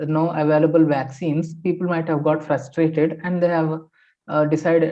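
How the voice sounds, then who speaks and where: A man's voice: a little high, mellow. A man, a sociology teacher explaining newspaper articles in a methodical lecture full of fillers and restarts. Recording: dull lo-fi sound.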